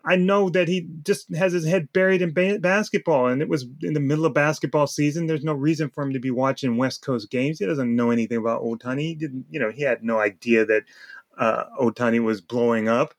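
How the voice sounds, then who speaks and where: A man's voice: medium pitch, fairly even intonation, fairly quick. A man co-hosting a sports talk show, delivering an emphatic opinion rant with repeated words and short laughs. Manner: emphatic, repeats words while searching, laughs between points. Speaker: podcast co-host.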